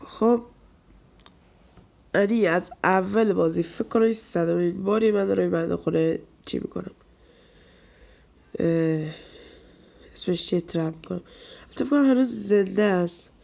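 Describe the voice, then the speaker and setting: Nasal, gravelly-voiced man gaming. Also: high voice, long pauses, a little mellow. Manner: chatty, talks to viewers and scolds game characters. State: nasal from a cold. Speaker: gaming YouTuber. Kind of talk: let's-play commentary.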